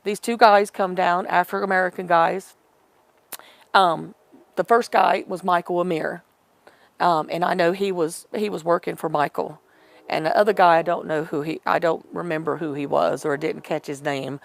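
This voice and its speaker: A woman's voice: lowish voice, steady tone, moderate pace, vocal fry. A middle-aged woman telling a personal story in an interview, rambling and emotional, acting out what others said. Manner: rambling, emotional retelling with quoted dialogue. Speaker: interview guest.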